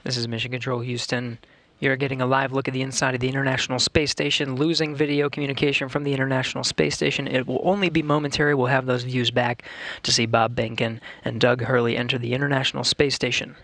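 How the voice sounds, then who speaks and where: Even, measured man, mission commentator. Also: mid-range voice, no room sound. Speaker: mission control broadcast commentator. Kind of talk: live space mission commentary.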